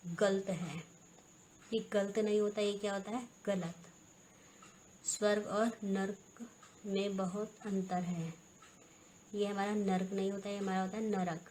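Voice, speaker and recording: A woman teacher giving a recorded grammar lesson to schoolchildren, explaining slowly, repeating terms and answering her own questions. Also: mid-range voice, darkish tone, a little hiss or hum, low-quality recording.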